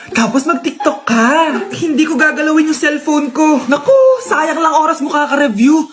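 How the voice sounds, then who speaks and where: Woman, very high voice, playful skit actor jumping between bratty and scolding roles. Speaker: skit performer voicing every part. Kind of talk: comedic skit acting.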